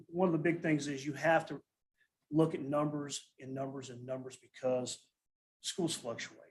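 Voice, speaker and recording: A man, a school nutrition director, presenting a financial report at a school board meeting in a steady, matter-of-fact way, often restarting his sentences. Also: medium pitch, poor audio.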